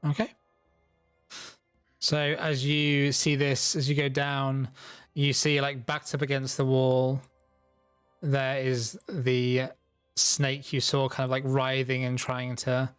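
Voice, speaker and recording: A man's voice: mid-range voice, monotone, takes it slowly, fairly bright tone, clean tone, no room sound, soft background music. A man narrating and ruling as game master in a casual tabletop session, loose and swearing freely. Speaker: dungeon master.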